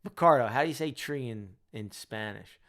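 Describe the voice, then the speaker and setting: A tired young man with a Delco accent from Delaware County, Pennsylvania, hosts his channel and chats casually with live viewers, rambling and making self-deprecating jokes. He's a rideshare driver, speaking at a moderate pace in a medium-pitched, fairly bright voice.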